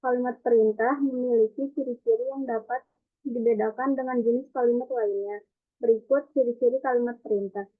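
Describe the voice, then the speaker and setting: A young woman student presents class notes, reciting them carefully and evenly. Her voice sits fairly high. The recording sounds thin and tinny, like a phone line. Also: a little fast. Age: young adult. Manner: even, careful recitation of a script.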